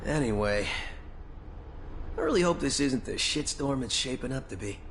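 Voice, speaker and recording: A man's voice: medium pitch, expressive, moderate pace, fairly bright tone, slight background noise. A young American man voicing a brash, grumbling, slangy student in a video game. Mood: grumbling, uneasy.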